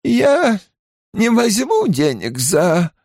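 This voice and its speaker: A stern, weary grey-haired old woman, as a male narrator puts her on, pitched well above his own voice and rising and falling with lively swings. She sounds tired and guarded, heard on a dry, close recording in an audiobook. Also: very slow, dry recording, full character voice. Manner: scolding then tired and guarded. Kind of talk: audiobook character voice.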